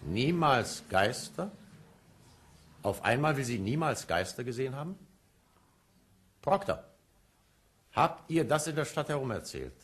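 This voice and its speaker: An actor playing a stern, haughty colonial judge who interrogates in a declamatory manner in a 1950s German radio play. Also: male voice, mid-range voice, very animated, a little slow, long pauses, a bit bright, husky, heavily acted. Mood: menacing. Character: stern, imperious colonial judge, proud of his power.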